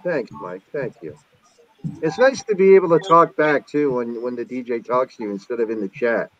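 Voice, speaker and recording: A man's voice: medium pitch, expressive, normal speed, a bit bright. A man in his fifties hosting a casual group video chat, joking and teasing the others. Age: 50s. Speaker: stream host. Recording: dull lo-fi sound.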